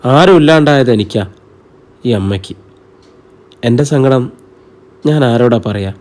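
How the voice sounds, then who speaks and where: A man's voice: mid-range voice, lively intonation, a little slow, a little mellow, lightly acted. A man voicing a tearful middle-aged mother in a novel reading. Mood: sorrowful. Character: weeping middle-aged mother, grieving and plaintive. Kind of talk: audiobook character reading.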